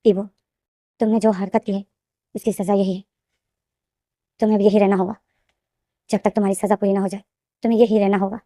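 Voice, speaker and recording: Woman narrating as stern middle-aged father, scolding, quick delivery, dark tone. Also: medium pitch, little pitch movement, no echo, studio quality, lightly acted.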